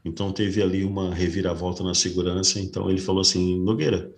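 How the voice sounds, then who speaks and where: A man, a security guard being interviewed. His voice sits very low, and he tells his story in an earnest, polite way. The sound carries a roomy echo, like a video call from a bare room. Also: flat delivery, fast talker. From Brazil. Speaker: guest, private security guard. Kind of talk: casual interview.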